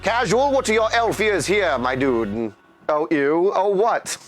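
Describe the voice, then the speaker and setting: A man with a high, sing-song voice talks a little slowly while soft music plays in the background. He's a game streamer chatting casually with viewers in a goofy, theatrical, playful manner, full of made-up silly words and repeated "my dudes" and "my friends." The clip is from an indoor desk streaming setup, captured on a streamer microphone and headset.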